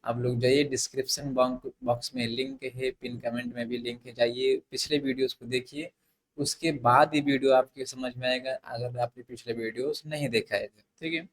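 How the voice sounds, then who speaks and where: A man's voice: mid-range voice, fairly even intonation, moderate pace, low-quality recording. A man teaching an English grammar lesson, mixing Hindi and English in a hesitant style with many fillers and restarts. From India.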